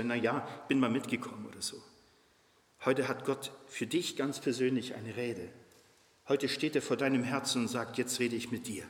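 A middle-pitched man in his fifties delivers an earnest sermon, lifting his voice high when he reads from scripture. He sounds like a pastor addressing a congregation. The recording carries a roomy echo with a long hall reverb. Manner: earnest preaching, voice rising sharply when reading scripture.

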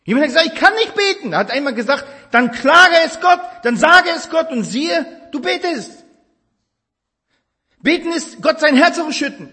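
Male preacher, high-pitched, fervent sermon delivery, long hall reverb. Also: expressive, normal speed. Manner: impassioned, swinging between loud emphasis and hushed tenderness.

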